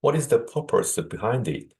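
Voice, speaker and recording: A man from South Korea, a native Korean speaker with a Korean accent, giving a measured conference keynote over a video call with small restarts. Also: medium pitch, sing-song, creaky, darkish tone. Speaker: guest speaker, associate professor.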